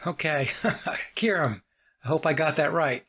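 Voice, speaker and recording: Steady American podcast host, dull audio. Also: male voice, on the high side, a crowd in the background. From United States. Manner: deliberate, guiding, addressing listeners directly. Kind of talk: casual podcast interview.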